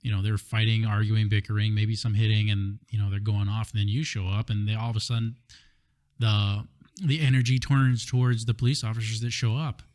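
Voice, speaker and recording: A man from Hawaii hosting a podcast, a former police officer, talking in a relaxed, reflective way with lots of fillers. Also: fairly low pitch, brisk. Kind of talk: casual podcast conversation. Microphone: studio microphone.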